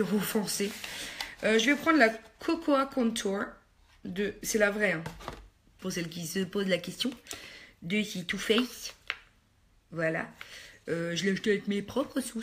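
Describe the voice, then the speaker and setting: A woman's voice: mid-range voice, noisy background. Chatty woman doing a makeup vlog. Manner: chatty, hesitant with many fillers, self-mocking asides to viewers. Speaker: beauty vlogger. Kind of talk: casual get-ready-with-me makeup chat.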